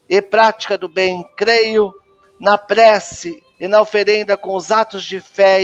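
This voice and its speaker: Brief: Brazilian male host, high voice, solemn declamatory prayer reading, emotional. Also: dull audio. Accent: Brazilian Portuguese. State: choked with emotion.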